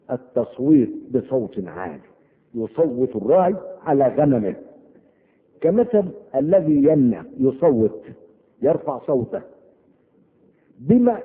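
A man giving a religious lesson, explaining verses word by word and repeating key words with climbing emphasis. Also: mid-range voice. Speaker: Islamic teacher explaining scripture. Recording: tinny radio broadcast.

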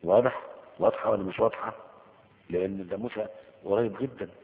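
A man's voice: lowish voice, fast, in a large hall, phone-quality sound. A man with an Egyptian Arabic accent teaching Arabic grammar in a colloquial lecture, asking questions and answering them himself. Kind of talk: colloquial lecture with Quranic quotes.

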